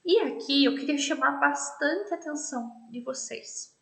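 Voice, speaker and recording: High, gravelly Brazilian woman teaching. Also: moderate pace, reverberant. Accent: Brazilian Portuguese, Paraná. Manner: explanatory, frequent tag questions "né?". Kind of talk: recorded online class lecture.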